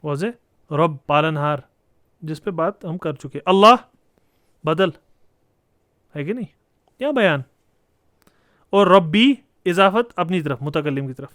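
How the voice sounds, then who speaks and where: A man's voice: on the high side, lively intonation, pauses often, a bit bright, dry recording, clean studio sound. A man giving a classroom lecture on Arabic grammar, explaining step by step and posing rhetorical questions to his students. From Kashmir.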